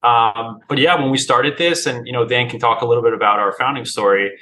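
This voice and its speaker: Bright-voiced male guest from Colombia. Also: medium pitch, fairly even intonation, brisk, slight background noise, low-quality recording. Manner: friendly, hesitant with many "uh" fillers. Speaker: restaurant co-founder and co-CEO. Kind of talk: interview guest.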